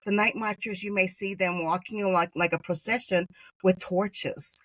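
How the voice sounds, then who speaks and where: A woman's voice: medium pitch, fairly even intonation, moderate pace, fairly bright tone, slightly rough, no room sound. A middle-aged woman from Hawaii tells personal stories as a podcast guest, loose and chatty, with lots of "um" and "you know." Her voice sits in a mid register and sounds close and dry, with no room around it. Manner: chatty, many fillers, laughs while telling stories. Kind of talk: conversational storytelling interview.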